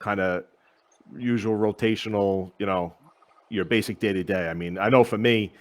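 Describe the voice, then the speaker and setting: A man's voice: fairly low pitch, moderate pace. A man in his thirties hosting a podcast, chatty and friendly, asking questions and laughing easily. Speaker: podcast host, Marine veteran. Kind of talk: casual interview conversation.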